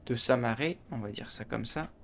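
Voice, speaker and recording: A man who runs a gaming channel gives tutorial commentary on a space game, explaining it step by step with frequent restarts and small interjections. His medium-pitched voice is gravelly and moderately paced, with slight background noise.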